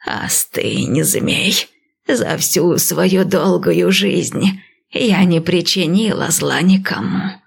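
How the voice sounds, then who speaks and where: A woman voicing an old blind priestess and seer, speaking slowly and calmly. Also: on the low side, creaky, slightly rough, full character voice. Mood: calm, wise. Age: older. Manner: slow, calm, measured.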